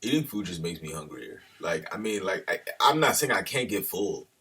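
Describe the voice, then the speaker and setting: Slangy low-voiced man rambling off-mic. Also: sing-song, moderate pace, bright, forceful tone, husky, distant mic. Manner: slangy, loose, wanders off on tangents. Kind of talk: casual rambling monologue. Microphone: camera held at a distance.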